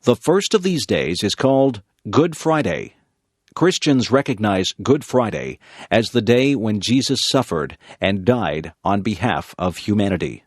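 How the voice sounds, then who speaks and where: An American man narrates a learners' lesson in a slow, clear reading voice. His pitch moves in a lively, sing-song way, and the sound is dry and close to the mic. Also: no echo. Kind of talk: scripted narration.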